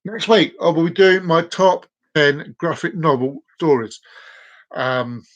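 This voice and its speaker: A man's voice: on the high side, a little slow, highs cut off. A man in his forties hosting a casual live stream, chatting playfully with viewers and repeating his words as he rambles. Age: 40s.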